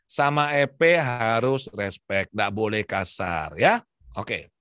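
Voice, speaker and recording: A man teaching a self-healing seminar, talking in an animated, gentle and storytelling manner. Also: lowish voice, takes it slowly, smooth, no room sound, clean studio sound. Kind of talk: seminar talk.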